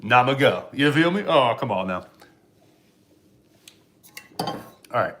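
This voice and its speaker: A man's voice: medium pitch, expressive, takes it slowly, fairly bright tone. A man from Pennsylvania, a stand-up comedian, rambling sarcastically in a casual live stream while answering chat, with frequent restarts.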